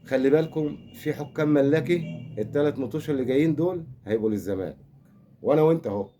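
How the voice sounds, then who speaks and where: A man's voice: on the high side, very fast, warm tone, slight background noise. An older man with an Egyptian accent, rambling and teasing through a comic football rant. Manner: rambling, teasing, mock-consoling. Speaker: football fan commentator.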